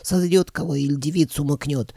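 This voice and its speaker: Gorynych's squeaky middle head. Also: male voice, fairly quick, gravelly, mellow, no room sound, clean studio sound. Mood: whiny. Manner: high squeaky complaining voice. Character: childish middle head of a three-headed dragon. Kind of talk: audiobook character voice.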